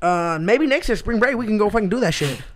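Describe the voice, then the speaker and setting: A man's voice: sits high, expressive, fast talker, no echo. A man co-hosting a podcast, telling a story in casual chat, rambling and profane with lots of fillers. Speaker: podcast co-host.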